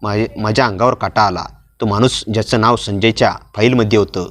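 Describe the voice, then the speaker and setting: A man narrating a dramatic first-person story in a steady storyteller's manner. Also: lowish voice, brisk.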